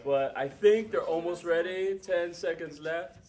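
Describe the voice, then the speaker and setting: A man bantering in an improvised comedy skit, joking in a deadpan way as a pretend designer. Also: a little high, unhurried. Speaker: contestant playing a fake designer.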